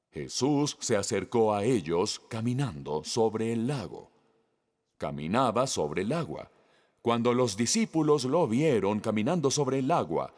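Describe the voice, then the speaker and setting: Man, pastor delivering a sermon; slow, animated delivery; long hall echo. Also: medium pitch. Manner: slow, emphatic preaching with questions to the congregation.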